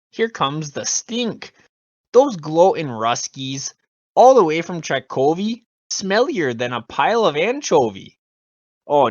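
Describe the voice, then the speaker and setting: A man's voice: fairly high pitch, dry recording. Brief: man doing a Canadian accent with an Indian tinge, reciting verse, dull lo-fi sound. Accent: Canadian with a hint of Indian. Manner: sing-song poem recitation. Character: man reciting a hockey poem in a put-on accent. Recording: dull lo-fi recording.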